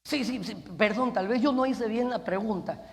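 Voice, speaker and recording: A man's voice: high-pitched, normal speed, vocal fry. A male pastor preaching a sermon, often calling his listeners "brother" and putting questions to the congregation. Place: church camp meeting hall. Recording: long hall reverb.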